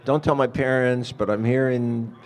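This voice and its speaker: A man puts on a panicked young grandson who pleads with his grandmother for money. It comes out a little higher and slower than his own talk. It stays close to his everyday voice. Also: steady tone, natural voice. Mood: pleading.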